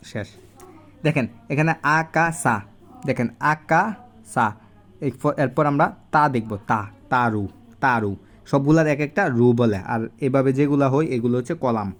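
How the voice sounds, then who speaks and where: A man giving a casual handwriting lesson at home, recorded on a phone, slowly repeating each syllable as he writes. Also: medium pitch. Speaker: language teacher. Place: home room.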